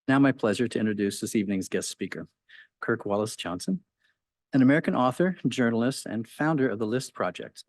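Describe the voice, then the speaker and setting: A man's voice: medium pitch, darkish tone, dry recording. A man hosting an event, reading announcements and a formal introduction of the guest speaker. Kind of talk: scripted introduction. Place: lecture hall.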